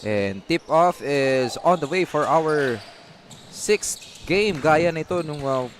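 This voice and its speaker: A man's voice: a little high, expressive, takes it slowly, slight background noise. A man with a Filipino accent giving live basketball commentary. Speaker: sports commentator.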